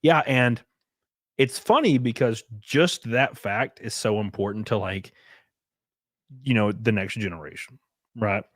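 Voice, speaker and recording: A man's voice: fairly low pitch, unhurried, long pauses, no echo, clean studio sound. A man hosting a casual podcast chat, rambling and ranting with lots of filler words. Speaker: host.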